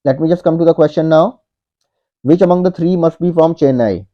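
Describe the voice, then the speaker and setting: Male tutor, 30s, slightly high voice, methodical step-by-step walkthrough, dull lo-fi webcam audio. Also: fairly quick. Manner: methodical, repeats each step and says "okay" often. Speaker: online tutor. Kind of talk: whiteboard puzzle walkthrough.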